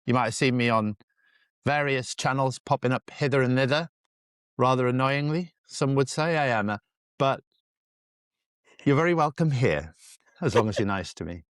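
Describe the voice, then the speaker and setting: A man's voice: medium pitch, lively intonation, normal speed, long pauses, no echo, clean studio sound. A man with a Geordie accent hosting a podcast, chatting playfully and teasing his co-host. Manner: playful, teasing, mock-old-fashioned wording. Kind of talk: casual chat.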